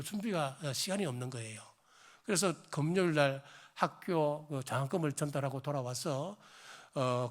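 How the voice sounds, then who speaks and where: A hoarse middle-aged pastor with a Gyeongsang accent, preaching a sermon in a church, swinging from emphatic exhortation to chatty storytelling. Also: male voice, a little high. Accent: Gyeongsang Korean. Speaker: senior pastor. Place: church sanctuary.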